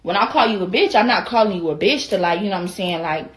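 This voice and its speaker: A woman's voice: medium pitch, animated, quick pace. A young woman with an Atlanta accent tells a casual, profane story, acting out both sides of an argument. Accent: Atlanta Southern American. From Atlanta, USA. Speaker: vlogger.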